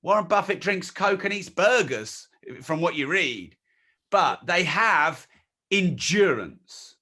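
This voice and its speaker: Bright, emphatic man in his forties. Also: high-pitched, expressive, slow. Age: 40s. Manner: emphatic, blunt, swears freely. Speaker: interview guest. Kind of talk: candid conversational interview.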